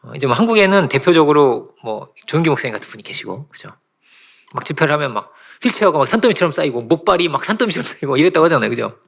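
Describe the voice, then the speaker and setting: A male pastor delivers a Sunday sermon in a church at a brisk, rushing pace. His voice sits a little high for a man and has a gravelly, fry-edged texture. He tells stories animatedly and acts out the quotes himself. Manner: animated storytelling with laughs and acted-out quotes. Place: church sanctuary.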